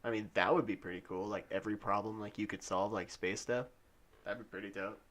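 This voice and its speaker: A man's voice: on the low side, fairly even intonation, brisk, a bit bright. A young man co-hosting a casual podcast chat, rambling and filling his speech with "like", his nose stuffed up from a cold. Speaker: podcast co-host.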